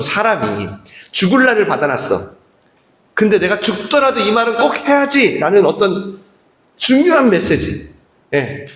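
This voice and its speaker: Animated pastor in an echoey church. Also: male voice, high voice. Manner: conversational preaching with quoted voices and questions to the congregation. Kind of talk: sermon. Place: church sanctuary. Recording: echoey church hall with long reverb.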